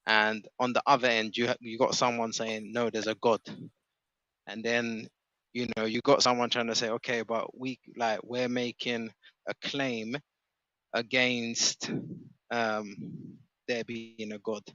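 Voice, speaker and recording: Measured man asking questions. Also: mid-range voice, flat delivery, pushed and bright, no echo, muffled recording. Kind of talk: casual debate chat.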